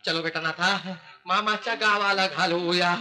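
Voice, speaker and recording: An actor playing a cheeky young graduate posing as a servant, joking and wheedling. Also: male voice, high voice, steady tone, moderate pace, bright, forceful tone. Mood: jokey. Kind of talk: 1970s film comedy acting.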